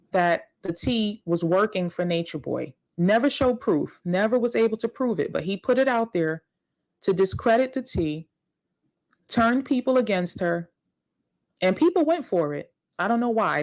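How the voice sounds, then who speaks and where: A woman talks through a casual YouTube commentary in a middle-pitched voice. She sounds indignant and stacks up words for emphasis. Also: a little mellow, poor audio.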